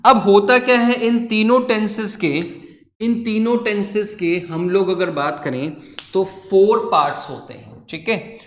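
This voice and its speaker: A man teaches a coaching class in a chatty, storytelling style, telling a joke and explaining grammar while often checking in with "okay" ("ठीक है"). His voice sits high and he speaks unhurriedly, in a reverberant space.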